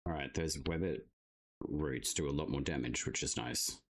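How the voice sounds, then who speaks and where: A man's voice: extremely low pitch, moderate pace. A man streaming a game, casually musing aloud to himself as he plays. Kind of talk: casual live-stream commentary.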